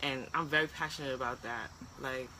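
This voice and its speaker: A woman co-hosting a casual live-stream chat, frank and animated, ranting with quick asides. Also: rumbling low, slight background noise, poor audio. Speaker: co-host.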